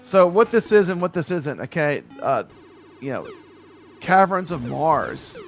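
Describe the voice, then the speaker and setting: Enthusiastic man reviewing retro games, higher voice. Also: big pitch swings, a little slow, soft background music. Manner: enthusiastic, rambling, repeats words. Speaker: host reviewing a retro console. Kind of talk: casual gaming chat. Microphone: streaming with camera.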